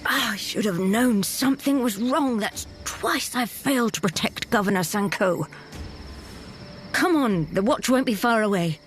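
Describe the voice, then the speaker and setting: A woman's voice: fairly high pitch, measured pace, faint music behind, natural voice. A woman voicing a resolute, duty-bound ship captain in a storytelling game, with a terse, commanding manner. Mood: regretful, urgent.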